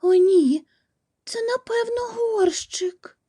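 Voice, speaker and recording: A woman's voice: very high-pitched, takes it slowly, dark tone, no room sound, studio quality, pitched above the performer's own voice. Woman doing a worried young storybook girl. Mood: alarmed.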